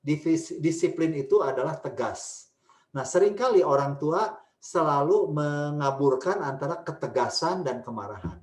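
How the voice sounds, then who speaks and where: A man answering questions as a speaker in a church family webinar, talking emphatically and stressing points with pitch. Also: expressive, normal speed, roomy sound. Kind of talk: webinar Q&A talk.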